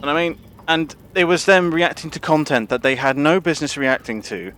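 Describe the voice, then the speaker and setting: A man's voice: a little high, fairly quick, a bit bright. A man ranting casually and profanely on a gaming livestream, rambling with lots of restarts. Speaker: gaming streamer.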